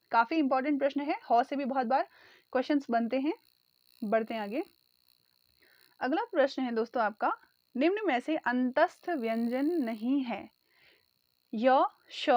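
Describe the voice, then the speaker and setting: A woman's voice: high voice, a little mellow, no echo. A woman teaching an online exam-prep lesson, calling her viewers friends and repeating the key answers.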